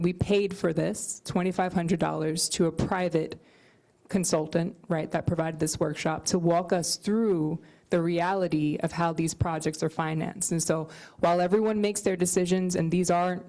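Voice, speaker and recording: A woman chairing a community board meeting, measured and reflective, dropping in "right?" asides. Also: on the low side, warm tone.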